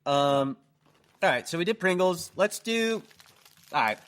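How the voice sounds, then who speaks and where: A man's voice: sits high, lively intonation, unhurried, fairly bright tone, clear, resonant tone. A man co-hosting a podcast, chatting casually, teasing his friend and swearing now and then. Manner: laughing hard, teasing, swears. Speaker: podcast co-host. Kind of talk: casual chat.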